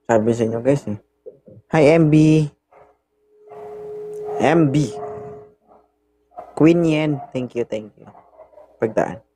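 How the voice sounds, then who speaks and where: A man's voice: medium pitch, slow, long pauses, warm tone, a little hiss or hum. A man hosting a casual livestream, teasing his partner and thanking gifters by name. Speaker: livestream host.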